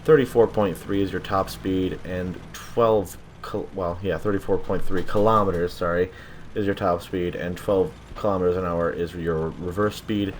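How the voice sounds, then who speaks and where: A man's voice: low-pitched, fairly even intonation, moderate pace, slight background noise. A man with a sore throat giving casual, rambling commentary over his tank game, often correcting himself. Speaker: gaming channel host.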